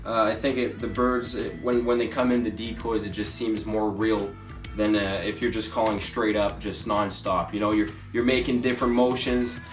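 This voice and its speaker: A man's voice: lowish voice, flat delivery, moderate pace. Man giving a casual tutorial, echoey and distant. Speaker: hunting instructor and host. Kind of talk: casual hands-on tutorial talk. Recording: distant mic, echoey, music behind.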